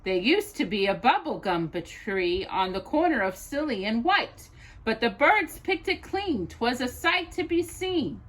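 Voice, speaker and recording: A fairly high-pitched woman, hosting storytime, reads rhyming verses for kids without any hurry, using an expressive sing-song as if addressing a child. The recording quality is low.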